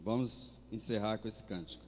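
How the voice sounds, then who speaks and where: A man preaching a sermon with fervor, his delivery swinging between soft and loud. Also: on the low side, moderate pace. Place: church hall. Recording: long hall reverb with faint music.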